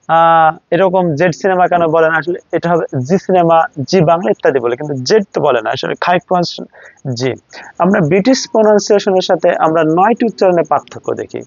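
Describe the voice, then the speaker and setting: Man, Bangladeshi accent, teacher, slow letter drills, dull dry recording. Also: high voice, creaky, dry recording. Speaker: English pronunciation teacher. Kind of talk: classroom lesson.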